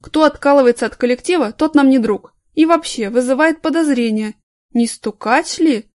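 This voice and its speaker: A bitter, drunken former stage actor bellows and slurs his grievances, put on by a woman reader. His voice sits high and loud with a dry, close sound. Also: moderate pace, dry recording, lightly acted. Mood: mocking. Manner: slurred, shouting, self-pitying. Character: drunk bitter male ex-theatre actor, middle-aged.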